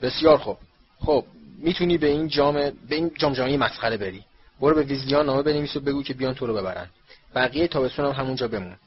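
A man voicing an angry, stout middle-aged uncle who scolds in gruff outbursts, read from a storybook. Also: mid-range voice, lively intonation, lo-fi sound. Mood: grudging.

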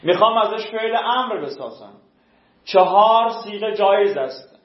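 A man teaching a class, raising questions and answering them himself as he goes. His voice sits high, and he draws out word forms in a slow chant. The recording is dull and lo-fi, with a roomy echo around him. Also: animated, slight background noise. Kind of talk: classroom lesson. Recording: echoey room, dull lo-fi sound.

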